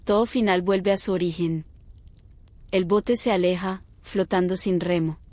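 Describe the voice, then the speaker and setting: A woman narrating a scripted bedtime story slowly, in a quiet, calm, unhurried night-time manner. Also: on the low side.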